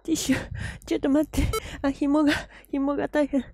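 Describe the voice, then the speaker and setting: A woman vlogging in a casual, chatty way, gushing and quick to laugh as she unboxes gear. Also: sits high, flat delivery, warm tone, slight background noise. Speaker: camera vlogger. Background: background music.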